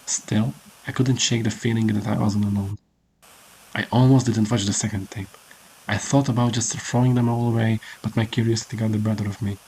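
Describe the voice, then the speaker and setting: A man reading a scripted horror story in the first person, with measured storytelling delivery. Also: fairly low pitch, steady tone, warm tone, a little hiss or hum, low-quality recording. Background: prominent music under the voice.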